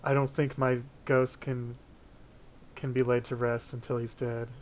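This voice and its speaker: Even-toned man running a tabletop game. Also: mid-range voice, unhurried, slight background noise. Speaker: game master.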